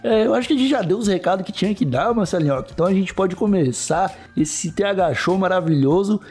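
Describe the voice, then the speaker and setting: Husky, high-pitched Brazilian man hosting a podcast. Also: expressive, fairly quick, a little mellow. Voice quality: raspy smoker's voice. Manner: playful, irreverent, slangy. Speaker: podcast host. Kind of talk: casual comic podcast banter.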